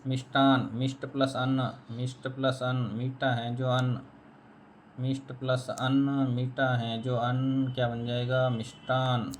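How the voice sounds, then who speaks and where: A man's voice: mid-range voice, flat delivery, a little slow, a little hiss or hum. A man teaching a spelling lesson, repeating each word and answering his own questions. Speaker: Hindi teacher.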